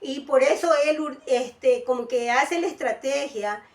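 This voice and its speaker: Predicadora de voz aguda en sala con eco. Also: female voice, high voice, unhurried, roomy sound, recorded from a distance. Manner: calls listeners "amados" often, restarts and fillers. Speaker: preacher. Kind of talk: sermon.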